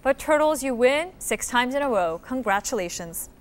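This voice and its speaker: A woman's voice: high-pitched, lively intonation, moderate pace, very noisy. A woman hosting a quiz show, addressing contestants and explaining answers.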